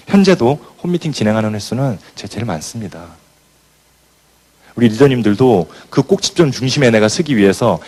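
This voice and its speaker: Male business leader at a seminar, expressive and lively, plays out his anecdotes. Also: lowish voice. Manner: animated storyteller who acts out scenes. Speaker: business leader giving a motivational talk. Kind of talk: motivational speech with storytelling.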